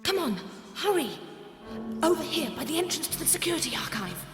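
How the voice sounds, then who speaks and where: A woman playing a brisk, bossy conspirator in an audio drama, curt and commanding with a husky voice. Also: high-pitched, sing-song, over music. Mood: urgent. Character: brisk, bossy female conspirator tampering with archives.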